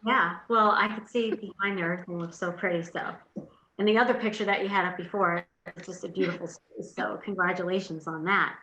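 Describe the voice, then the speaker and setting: A woman's voice: fairly low pitch, fairly even intonation, fairly quick, bright, forceful tone, reverberant. A woman hosting a webinar interview over a video call, effusive and thankful toward her guest. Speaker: webinar host. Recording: dull lo-fi call audio with faint noise.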